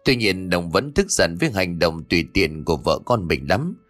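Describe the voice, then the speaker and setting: A man narrating an audiobook story in steady scripted storytelling. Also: low-pitched, normal speed.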